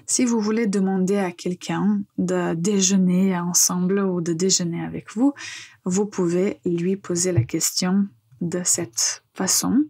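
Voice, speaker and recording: A woman teaching French on a podcast, explaining phrases patiently with frequent pauses and hesitations. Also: lowish voice, fairly even intonation, warm tone, slightly rough. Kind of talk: podcast language lesson.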